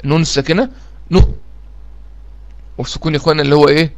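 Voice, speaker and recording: A male teacher with an Egyptian accent explains a recitation lesson. His voice is gravelly with a fry and sits a little high. He repeats each point and checks often that his listeners follow. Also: fairly even intonation, very fast. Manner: repetitive, drills key phrases, asks listeners if they follow.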